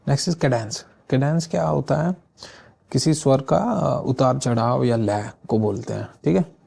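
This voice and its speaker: Male vocabulary tutor, very gravelly, dark tone, casual mnemonic-driven teaching, drops in frequent filler checks. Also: medium pitch, takes it slowly. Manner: often adds filler checks like "theek hai". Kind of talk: casual exam-prep vocabulary lesson.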